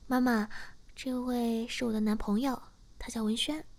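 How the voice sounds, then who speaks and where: A coy, pouty young girlfriend from a spoken story, acted by a woman reader. She talks in a raised, excited voice with a gravelly edge and sounds pleased and teasing. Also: a little high, moderate pace, close to an everyday voice.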